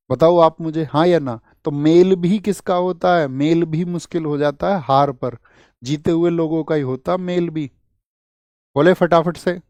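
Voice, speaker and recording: A male teacher runs a lively exam-prep lesson, drilling students with quick call-and-response questions. His voice sits a little high for a man. It is recorded close up with a dry, echo-free sound.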